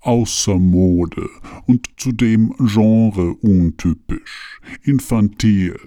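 Man voicing a fat villain in an audio drama, very deep, dark and husky, smug, mockingly polite. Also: extremely slow, no echo, clean studio sound. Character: fat smug male villain in a tailcoat with a cigar.

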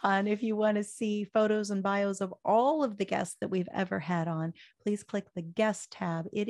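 Hoarse, fiery, and preachy, an older political talk radio host drives her point home before a chatty sign-off. She speaks at medium pitch with a darkish tone.

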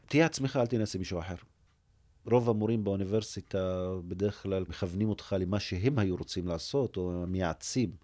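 Arabic-speaking guy from umm al-fahm, film director telling stories, voices the people in them. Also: low voice. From Umm al-Fahm, Israel. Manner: animated storyteller who acts out quoted speech. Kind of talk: storytelling in a podcast interview.

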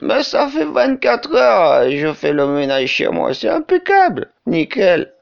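A worn-out, stubborn cleaning woman, played by a man, slow and gravelly, with a wildly swinging pitch. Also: huge pitch swings, dull audio, exaggerated voice. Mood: pleading. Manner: pleading, swooping and drawn out. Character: tired, stubborn middle-aged cleaning lady.

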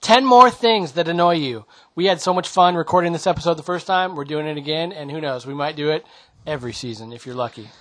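Man, podcast co-host, casual chat, somewhat high voice, laid-back, chuckling. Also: quick pace, a bit bright. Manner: easygoing, laughs often, hesitant fillers.

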